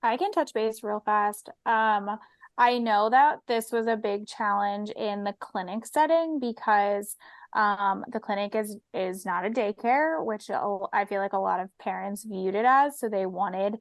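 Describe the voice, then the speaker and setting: A woman's voice: medium pitch, a little slow, dry recording. A woman co-hosting a podcast in casual discussion, explaining with many fillers like um and you know. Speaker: podcast co-host.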